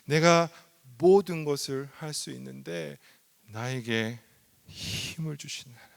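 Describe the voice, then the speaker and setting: A middle-aged man preaching a seminar sermon as pastor, dropping to whispers and rising to loud, raised passages. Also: on the high side, unhurried, creaky. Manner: dramatic swings from whispers to loud raised passages, sings hymn lines.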